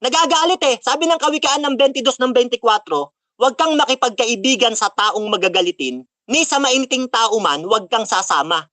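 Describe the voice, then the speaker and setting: Very high-pitched, bright and forceful, this man's voice moves a little fast with lively intonation, and the recording has no echo. Fresh from a religious debate, the preacher mocks and laughs at his opponent, firing off Bible verses between taunts.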